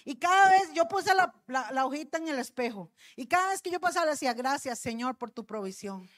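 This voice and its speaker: A woman's voice: sits high, lively intonation, brisk, fairly bright tone. A middle-aged woman, a pastor's wife, telling a testimony in a sermon and addressing the congregation as brothers.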